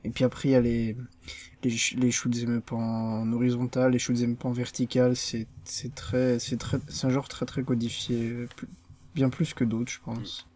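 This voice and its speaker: A man's voice: medium pitch, little pitch movement, moderate pace, a little mellow. A man as guest in a casual podcast discussion, rambling as he corrects the host.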